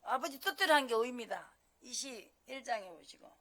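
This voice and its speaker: A woman pastor from the region, preaching a sermon with emphatic rhetorical questions and sudden jumps between loud and soft. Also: fairly high pitch, lively intonation, a little fast. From Gyeongsang region of Korea.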